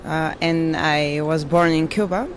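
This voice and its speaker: A woman's voice: sits low, steady tone, unhurried. A young-sounding woman, a passer-by answering street interview questions in hesitant English, often apologizing and laughing. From Bulgaria. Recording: clear street noise behind.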